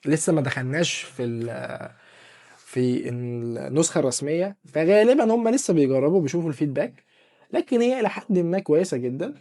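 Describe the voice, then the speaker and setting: Fast-talking Egyptian man, chatty tutorial. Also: fairly high pitch, mellow. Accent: Egyptian Arabic. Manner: chatty, joking, addresses viewer as dear artist. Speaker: software tutorial host. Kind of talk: casual screen-recorded tutorial.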